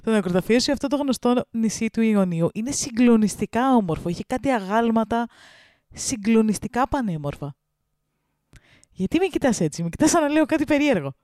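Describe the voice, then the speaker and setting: A woman from a Greek Ionian island, co-hosting a podcast in casual chat, animated, slangy and laughing often. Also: a little high, no room sound, clean studio sound. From Greece, Ionian island. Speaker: podcast co-host. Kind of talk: casual chat, reading a listener story.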